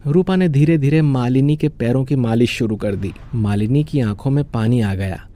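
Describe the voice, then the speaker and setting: A man narrating a cartoon story in a calm, even storytelling manner. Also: mid-range voice, normal speed.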